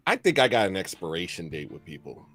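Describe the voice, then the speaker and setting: A man's voice: low-pitched, big pitch swings, fast talker, fairly bright tone. A man co-hosting a podcast, sarcastic and mock-indignant as he bickers with his partner. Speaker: podcast co-host. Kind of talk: casual banter.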